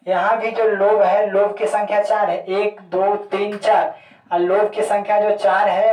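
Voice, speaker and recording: A man lectures on chemistry at a steady, even pitch that hardly rises or falls. He keeps checking understanding by asking a term back and answering it himself. His voice sounds distant from the mic and carries a noticeable room echo. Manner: repeats key terms as questions to students. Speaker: chemistry teacher. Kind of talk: classroom lecture.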